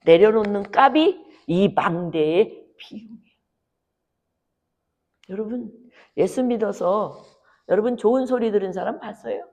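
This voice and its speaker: Woman preacher, sermon in church; hushed asides that surge into loud impassioned appeals. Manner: rises to loud, high impassioned pleading, drops to near whisper. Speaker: pastor. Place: church sanctuary.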